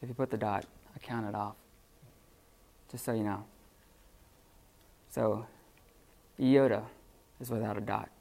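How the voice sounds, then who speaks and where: A man teaching a classroom lesson off the cuff, halting with many fillers and restarts. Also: fairly low pitch, steady tone, vocal fry, warm tone. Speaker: Greek teacher.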